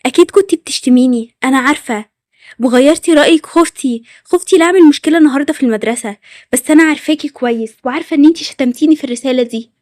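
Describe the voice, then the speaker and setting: A woman's voice: sits high, very fast, a little mellow, no echo, clean studio sound, lightly acted. A woman with an Egyptian accent voicing a touchy, suspicious schoolgirl who keeps accusing people. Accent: Egyptian Arabic. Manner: accusing, indignant. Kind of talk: storytelling over animated game scenes.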